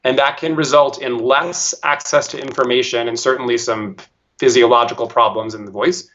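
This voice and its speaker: Man, middle-pitched, teacherly explainer, muffled lo-fi sound; a patient guest voice. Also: fairly even intonation, moderate pace, fairly bright tone. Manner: careful, teacherly, demonstrates voice techniques aloud. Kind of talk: explanatory interview answer.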